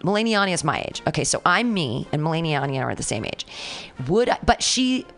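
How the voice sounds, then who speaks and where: A woman's voice: sits low, very animated, moderate pace, soft background music. A woman in her forties chatting casually as a co-host, frank and crude, joking as she talks. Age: 40s. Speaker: podcast co-host. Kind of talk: casual chat.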